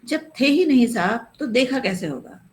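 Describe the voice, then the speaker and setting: A woman's voice: on the high side, expressive, normal speed, voice pushed up, close to an everyday voice. A woman voicing a group of timid petty criminals, pleading and submissive.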